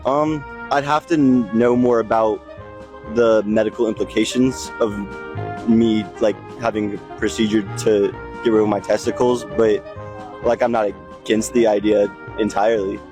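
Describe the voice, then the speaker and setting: A man's voice: on the low side, fairly even intonation, moderate pace. A man answering a street interview question hesitantly, hedging as he goes. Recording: music over the clip.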